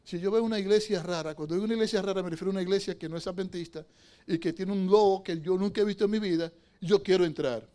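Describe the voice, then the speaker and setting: A male pastor with a notably high voice preaches to his congregation inside a church sanctuary. He drops to a hush as he tells a story, then climbs to loud, fervent exhortation. He keeps pulling the listeners in with rhetorical questions. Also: fairly even intonation, racing. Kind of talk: sermon.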